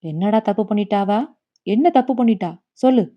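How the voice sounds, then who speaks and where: A woman's voice: mid-range voice, normal speed, muffled recording, close to an everyday voice. A woman voicing a grieving old grandmother. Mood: angry. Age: over 60. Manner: anguished, scolding then quietly bitter. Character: grieving elderly Brahmin grandmother, stubborn yet tender.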